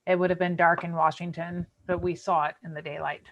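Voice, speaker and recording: Playful and teasing, an American woman interviews guests as host of a casual live online chat. She speaks fairly quickly, in a lowish voice with a level tone, over dull, lo-fi call audio.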